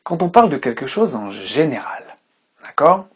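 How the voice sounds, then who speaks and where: A woman's voice: low-pitched, sing-song, moderate pace, slightly rough. A woman teaching English grammar in a tutorial who patiently repeats each example word several times.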